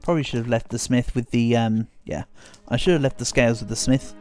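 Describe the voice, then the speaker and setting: A man at medium pitch speaks fairly quickly, his tone a little mellow, with faint music in the background. While streaming a game he chats and rambles with self-deprecating humor, sounding mildly congested from an approaching cold.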